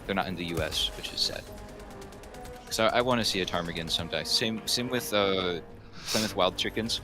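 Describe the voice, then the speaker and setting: Speaking in a low, brisk voice over music, a man streams a video game. His casual chat keeps rambling off into enthusiastic tangents.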